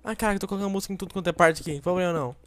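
A man doing rapid, jokey gameplay commentary. His voice sits a bit high, and he talks quickly and excitedly. It sounds like a casual recording session with a friend. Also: slight background noise. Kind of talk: casual let's play chat.

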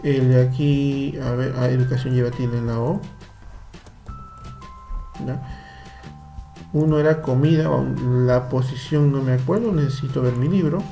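A man's voice: mid-range voice, measured pace, long pauses, mellow, faint music behind. A man with a Peruvian Spanish accent, teaching a computer lesson to children over a screen recording and patiently explaining each step. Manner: patient, explains step by step with frequent tag questions.

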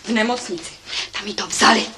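An actress playing an impatient, reproachful young wife. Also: female voice, mid-range voice, natural voice. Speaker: daughter in a film comedy. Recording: hissy old film soundtrack.

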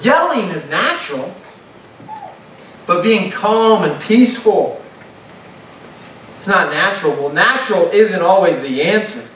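A man's voice: high voice, big pitch swings, a little slow, pauses often, fairly bright tone, slight background noise. A man preaching a sermon to a congregation, talking in a conversational way and asking the room questions. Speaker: pastor. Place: church sanctuary. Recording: echoey church sound from a distant mic.

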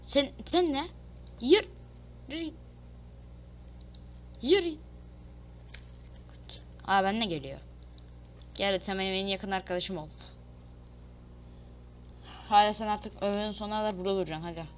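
A woman chats her way through a video game, reading prompts aloud and cursing playfully as she goes. Her pitch sits at an ordinary middle for a woman. A faint hiss and the click of a keyboard run underneath. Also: lively intonation, brisk, long pauses. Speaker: gaming YouTuber. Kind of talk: casual let's-play commentary.

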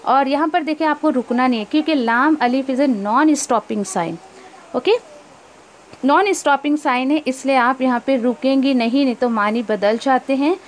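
High-voiced woman teaching Quran recitation. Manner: explains rules, then recites verses slowly and drawn out; corrects mispronunciations directly, mixing in English words. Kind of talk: tajweed lesson with recitation.

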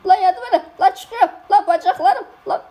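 High-voiced excitable young gamer woman. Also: normal speed. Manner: excitable, yelps and shouts often; slangy, keeps saying "lan". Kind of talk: casual Roblox voice-chat commentary.

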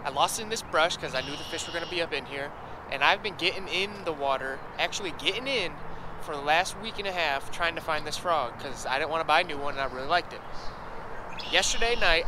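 A man in his thirties vlogging while fishing by a pond, talking excitedly to viewers through an action camera. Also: a little high. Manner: excitable, hypes up catches to viewers. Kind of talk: casual outdoor vlog. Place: outdoors by a pond. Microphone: action camera, selfie framing. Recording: outdoor camera with clear background noise.

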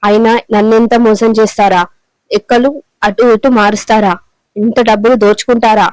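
A woman voicing an angry young man who accuses an old clerk of cheating, shouting his accusations in a smooth voice. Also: medium pitch, level tone, normal speed, no echo, close to an everyday voice, poor audio. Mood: accusing.

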